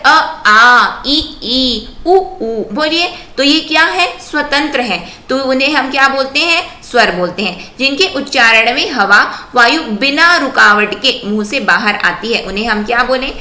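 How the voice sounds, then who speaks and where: A woman's voice: high-pitched, pushed and bright, echoey room. An Indian woman teaching a grammar lesson for exam prep, asking questions and answering them herself while drilling sounds aloud.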